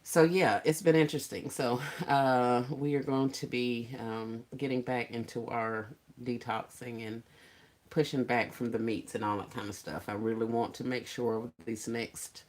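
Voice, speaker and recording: A woman's voice: extremely low pitch, steady tone, normal speed, a little mellow. A woman hosting a casual livestream, greeting viewers by name, laughing often and teasing playfully. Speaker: livestream host.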